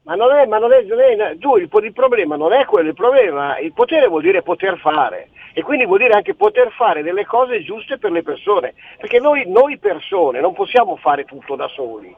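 Calling into a radio talk show from a phone away from the studio, a man argues his point insistently and ramblingly. His high, very animated voice moves at normal speed with vocal fry, few pauses, and a husky quality. The dry, tinny phone line colors the sound.

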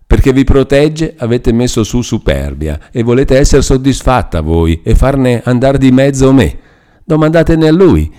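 A man's voice: mid-range voice, big pitch swings, moderate pace, mellow, smooth, pitched above the performer's own voice, lightly acted. A man reading aloud and voicing a grumbling, resentful old woman who scolds and coaxes a frightened girl.

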